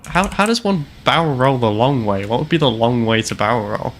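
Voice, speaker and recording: A man's voice: mid-range voice, animated, brisk, a bit bright, a little hiss or hum. A young man in his twenties from Canada with a British accent, chatting and teasing his teammate while streaming a game. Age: 20s. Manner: playful, teasing, laughs often. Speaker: streamer host. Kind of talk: casual gaming chat.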